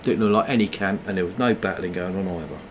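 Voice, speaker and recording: A man's voice: deep voice, fast, a little hiss or hum. Sarcastic man streaming a game. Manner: sarcastic, mocking. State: tired, yawning. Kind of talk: casual live-stream commentary on ads.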